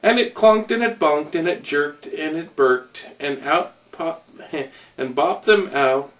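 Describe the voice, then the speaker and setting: A man slowly reading a rhyming children's story aloud in a rhythmic way, a little off-mic. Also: a little high, fairly bright tone, far from the mic. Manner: slow, rhythmic rhyme reading.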